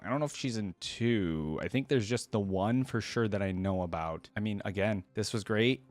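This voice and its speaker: A man hosting a reaction video offers casual, off-the-cuff commentary, rambling as he thinks aloud and dropping lots of "like" and "you know." His voice is lowish and the recording is dry.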